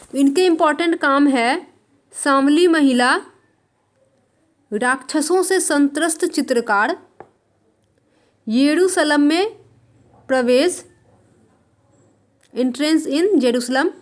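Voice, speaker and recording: A high-pitched woman teaches art for exam prep, writing on a board as she dictates and repeating terms slowly so students can note them down.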